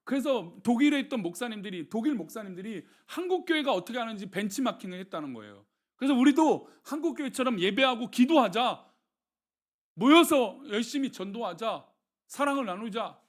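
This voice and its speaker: A middle-aged man from Seoul, a senior pastor preaching a sermon and talking with his congregation. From Seoul, South Korea. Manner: animated preaching, asks the congregation questions, drops low for blessings.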